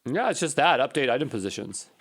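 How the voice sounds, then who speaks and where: A programmer records a casual think-aloud screencast of a coding session, muttering informally to himself while troubleshooting. His medium-pitched voice is sing-song, fast, a bit bright and slightly rough.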